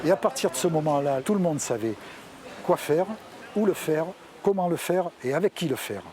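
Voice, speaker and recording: A man, a fire service officer, recounts his testimony in halting phrases, often repeating words as he searches for the next one. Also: on the high side, animated, a crowd in the background.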